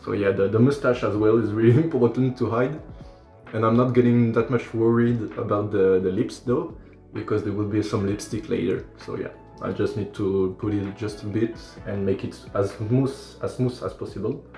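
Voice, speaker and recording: A man's voice: on the low side, fairly even intonation, moderate pace, dark tone, reverberant, faint music behind. A young man with a French accent chatting casually on a livestream while he does his makeup, rambling and self-deprecating with lots of fillers. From France. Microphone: phone or tablet livestream.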